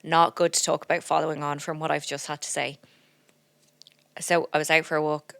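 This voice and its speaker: A woman's voice: deep voice, flat delivery, brisk, vocal fry, fairly bright tone, dry recording. A woman in her thirties with an Irish accent, co-hosting a comedy podcast in a rambling, self-mocking chat. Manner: joking, self-deprecating, rambling with fillers. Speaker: podcast co-host. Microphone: studio podcast mic.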